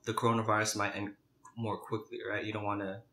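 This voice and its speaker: A man's voice: fairly low pitch, monotone, quick pace, sharp tone. A man casually chatting as a mukbang host, chewing and eating while he talks. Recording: roomy, echoey indoor sound.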